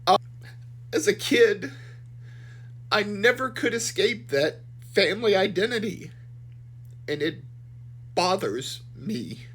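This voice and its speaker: A man in his fifties hosts a personal solo podcast. His voice sits a little high for a man. He speaks very slowly and haltingly, pausing often as he works through a confessional monologue. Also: very animated, fairly bright tone, breathy edge. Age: 50s. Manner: halting, hesitant, trailing pauses. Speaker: podcast host.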